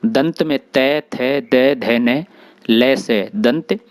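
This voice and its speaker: A man teaching grammar, explaining slowly and sounding out letters one by one, with short recited rules between them. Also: medium pitch. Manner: slow, deliberate, spelling out sounds one by one. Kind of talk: explanatory lesson.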